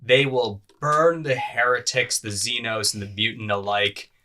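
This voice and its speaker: A man's voice: mid-range voice, steady tone, unhurried, pushed and bright. A man earnestly explaining miniature-game basics in a casual chat with his wife. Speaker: co-host, hobby expert.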